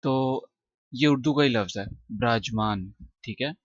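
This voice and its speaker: A man's voice: medium pitch, dry recording, dull audio. A man teaching an English textbook lesson, patiently explaining word meanings and translating line by line. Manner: patient, explains slowly with many "theek hai" checks.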